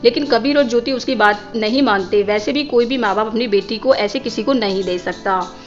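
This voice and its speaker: A woman with a fairly high voice tells a film's story as a scripted recap, now and then calling out to her viewers as guys. The recording is dull and lo-fi, with faint music under it. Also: fairly quick. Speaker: movie recap narrator. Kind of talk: scripted film recap narration.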